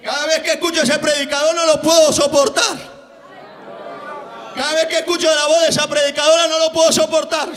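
Male evangelist, very high ringing voice, fiery shouted sermon style. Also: big-room sound. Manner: fiery, shouting, peppered with hallelujahs. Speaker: evangelist preacher.

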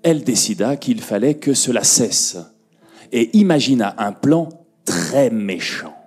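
A man telling a fairy tale to a conference audience, slow and expressive, dropping his voice and lifting it for effect. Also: mid-range voice, slightly rough. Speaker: storyteller. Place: conference room.

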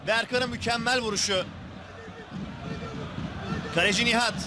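A man doing match highlights commentary as a football commentator, excited and emphatic in a raised voice. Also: moderate pace, crowd noise. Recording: noisy 1990s TV sports broadcast audio.

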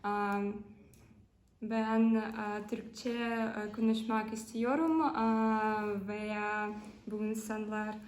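A young Russian woman with a Russian accent speaking halting, broken beginner Turkish with long hesitations in interview answers. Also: mid-range voice, steady tone. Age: young adult. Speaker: language learner being interviewed. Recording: echoey room.

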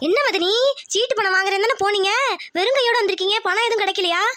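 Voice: extremely high pitch, fast, slight background noise. A performer voicing a nosy, nagging older village aunt in a cartoon. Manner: loud, nagging, money-minded. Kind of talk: cartoon voice acting.

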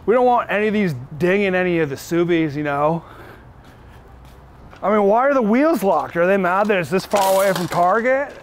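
A man playing Brody, goofy high-voiced dude. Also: animated, moderate pace, a little hiss or hum. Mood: goofy, upbeat. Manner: goofy, upbeat surfer-dude rambling. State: winded. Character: Brody, laid-back male cart-returning dude. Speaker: comedic character. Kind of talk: improvised comedy sketch. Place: outdoors in a parking lot.

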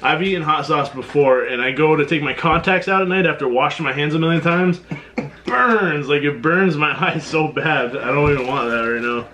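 A man's voice: fairly high pitch, fairly quick, few pauses, pushed and bright, slight background noise. A man co-hosting a casual food-challenge vlog, talking in a chatty way full of "like" and laughing between words. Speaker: co-host.

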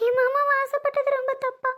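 A woman's voice: very high voice, fairly even intonation, moderate pace, a bit bright. A woman voicing a heartbroken young woman who talks in a weepy, pleading, self-pitying way. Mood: despairing.

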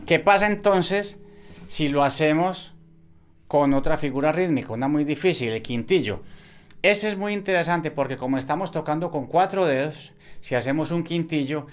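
Over loud guitar playing, a man teaches guitar technique, patiently explaining each step and often checking in with "ok?". His voice is a little high, clear, and resonant.

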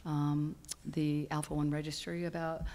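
A middle-aged woman with a deep, mellow voice speaks at a measured pace, her pitch barely moving. She is a patient panelist and support group leader on a conference hall stage, talking into a stand microphone in an earnest, hesitant way full of ums.

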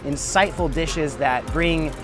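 Speaking slowly in a voice on the high side, a man in his thirties hosts a casual food vlog. Chatty and enthusiastic, he describes dishes and restaurants from restaurant patios and city streets, and music plays behind him.

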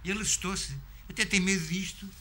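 A man's voice: high voice, steady tone, a little fast, pushed and bright. A man talking casually at home, doting and cooing in baby talk. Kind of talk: casual home video chat.

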